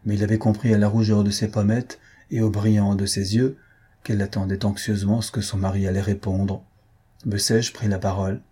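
Low, husky male audiobook narrator. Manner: measured, even narration. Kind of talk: audiobook reading of a novel.

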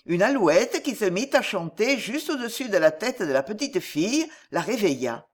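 A woman reading a classic children's storybook aloud in a measured, expressive storytelling manner. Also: medium pitch.

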